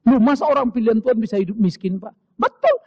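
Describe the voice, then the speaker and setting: A man from Indonesia preaching a sermon as pastor, swinging from shouts down to whispers. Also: high-pitched, rapid-fire, breathy edge, no room sound, dull audio.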